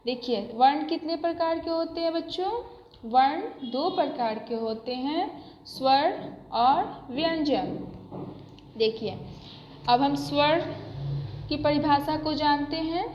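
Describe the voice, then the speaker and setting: A woman's voice: high-pitched, takes it slowly, long pauses, slight background noise. A woman teacher patiently explaining a grammar lesson to young children, repeating each point. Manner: patient, repetitive, addresses children directly. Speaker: school teacher. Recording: echoey room, dull lo-fi sound.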